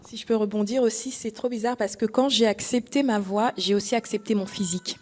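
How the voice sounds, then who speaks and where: A woman's voice: mid-range voice, steady tone, brisk, a little mellow, a little hiss or hum. A woman speaking on a live festival round table, talking candidly about herself with a joking, hesitant, chatty manner. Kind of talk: live panel discussion.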